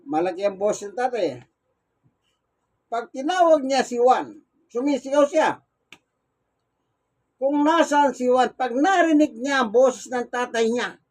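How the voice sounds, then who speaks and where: Male preacher, unusually high voice, homely storytelling sermon style. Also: poor audio. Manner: folksy, acts out everyday dialogue while preaching. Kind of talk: Gospel sermon.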